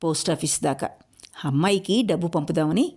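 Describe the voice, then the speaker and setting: A woman's voice: sits low, moderate pace, slightly rough. Woman voicing a kindly old village man. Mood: gentle. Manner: soft, pitying speech.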